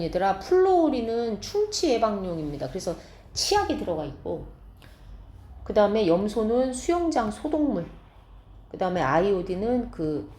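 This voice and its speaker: Woman teacher lecturing, steady mid pitch, checks understanding often, roomy classroom, faint hum. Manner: explains step by step, asks students quick check questions. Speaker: science teacher.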